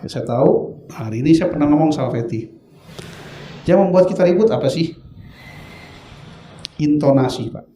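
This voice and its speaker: A man's voice: on the high side, moderate pace, pauses often, echoey room. Earnest man telling his own story. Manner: earnest, animated, acts out quoted lines. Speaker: guest. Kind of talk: candid testimony in a talk show.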